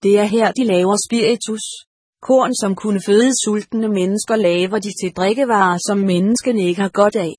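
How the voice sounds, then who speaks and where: A woman's voice: mid-range voice, a little mellow, slightly rough, dry recording, studio quality, close to an everyday voice. A woman reading the lines of a bossy, know-it-all female cat in a storybook, lecturing and scolding.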